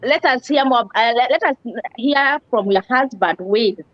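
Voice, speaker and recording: A woman's voice: on the high side, a little slow, highs cut off. A woman hosting an interview, enthusiastic with frequent wows. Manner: enthusiastic, many wows and laughs. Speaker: interview host.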